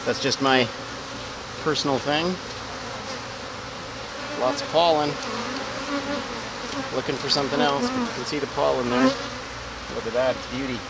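Amid very noisy conditions, a man in his forties narrates a casual how-to beekeeping vlog, describing each step as he tends hives outdoors in a garden. He has a mid-range, expressive voice and speaks at a measured pace with frequent pauses.

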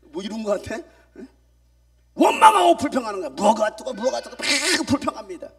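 A male pastor preaching to a youth gathering, swinging from shouts to hushed asides and firing questions at the congregation. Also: very high voice, very animated, fairly quick, recorded from a distance. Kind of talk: sermon. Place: church youth meeting hall.

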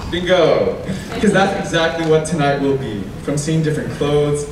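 A man's voice: a little high, moderate pace, background noise. A teenage boy emceeing a school event on stage, with an upbeat, scripted delivery. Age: teens. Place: large school auditorium stage. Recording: echoey auditorium from far off.

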